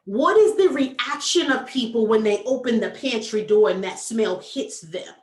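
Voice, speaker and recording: A woman success coach giving a motivational talk, animated and folksy, addressing the audience directly. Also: a little high, moderate pace, far from the mic. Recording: echoey room, voice from off mic.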